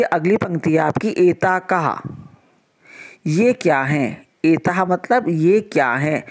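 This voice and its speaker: Slow, patient woman teaching a class. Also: lowish voice. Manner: slow, patient explaining, repeating each line. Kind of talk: Sanskrit lesson for children.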